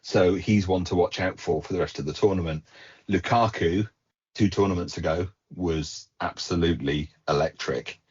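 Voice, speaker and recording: A man co-hosting a casual podcast chat, measured, with dry punning asides. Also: deep voice, a little mellow, breathy edge. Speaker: podcast co-host. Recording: dull lo-fi podcast audio.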